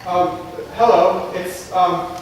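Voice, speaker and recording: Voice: medium pitch, steady tone, slight background noise, lightly acted. An actor playing a shy young man who stammers and never dances, on a stage. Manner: halting and stammering. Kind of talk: stage play acting. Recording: echoey hall, far from mic.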